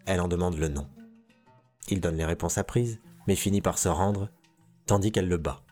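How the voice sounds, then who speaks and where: A man with a low voice reads a bawdy old tale in a measured, expressive way, lingering on its details. Soft music sits faintly under the narration. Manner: measured, expressive reading with lively asides. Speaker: storyteller. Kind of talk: scripted literary narration.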